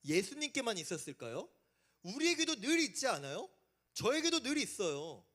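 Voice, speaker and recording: Animated high-voiced young male preacher. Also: moderate pace. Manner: animated, asks the congregation rhetorical questions. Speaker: youth pastor. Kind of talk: sermon.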